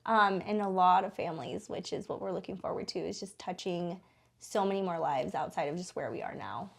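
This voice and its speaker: Gravelly and lowish, her voice runs a little fast as she speaks as an interview guest in a small studio. She's a small business co-owner in her thirties, an American born in the Philippines and raised in Denver from age eight, and she talks informally and chattily with lots of fillers such as "like."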